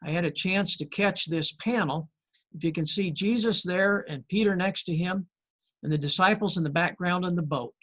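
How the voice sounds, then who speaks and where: Speaking slightly higher than the typical man, this pastor keeps his sermon relaxed and conversational. He pauses frequently, tells homespun stories, and adds light touches of humor in a warm, easygoing way.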